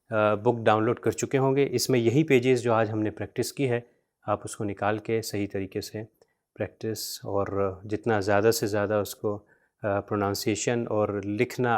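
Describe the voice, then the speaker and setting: A man teaching beginners to read, spelling out letters and vowel marks slowly, repeating each word and mixing in English terms. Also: medium pitch. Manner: mixes English words into his teaching. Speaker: Quran reading teacher. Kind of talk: spoken lesson.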